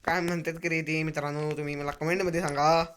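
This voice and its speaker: Hyped guy narrating his game, swears a lot, smooth clear voice. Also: fairly high pitch, quick pace. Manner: excitable, cursing trash talk; keeps telling viewers to watch. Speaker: mobile game streamer. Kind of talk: live gameplay commentary.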